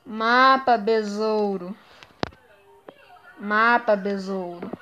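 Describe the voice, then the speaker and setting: A young woman with a Brazilian Portuguese accent giving excitable, playful let's-play commentary, teasing and squealing as she plays. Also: mid-range voice, extremely slow, lo-fi sound. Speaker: gaming YouTuber.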